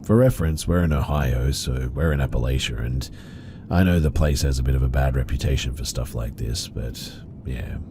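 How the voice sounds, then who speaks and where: A man narrating reader-submitted horror stories in a steady, even storytelling delivery. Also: extremely low pitch, normal speed, background noise.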